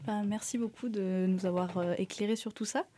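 A woman's voice: medium pitch, steady tone, a little fast, dark tone, a little hiss or hum. A young woman hosting a student radio show, handing over with light jokes. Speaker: radio host.

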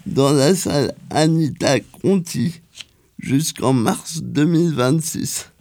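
On local radio, a man reads a cultural events column slowly and carefully, stumbling now and then. His voice sits on the high side and sounds a little mellow.

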